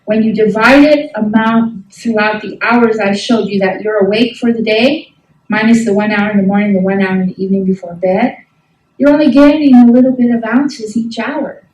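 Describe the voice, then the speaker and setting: A woman's voice: mid-range voice, normal speed, a little mellow, a little hiss or hum. A middle-aged woman teaching a health ministry class, folksy and emphatic, often asking the class questions. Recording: echoey room from a distant mic.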